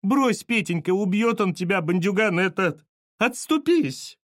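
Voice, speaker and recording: A man's voice: expressive, unhurried, a bit bright, no room sound, studio quality. A man voicing an elderly mother who wails thinly and fearfully. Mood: lamenting. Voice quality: thin shrill wail.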